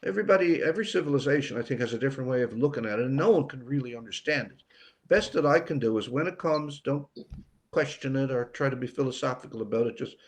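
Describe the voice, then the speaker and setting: Speaking at a medium pitch, an older man from Newfoundland, Canada, is interviewed as a writer. He muses reflectively, pausing and repeating words to underline them.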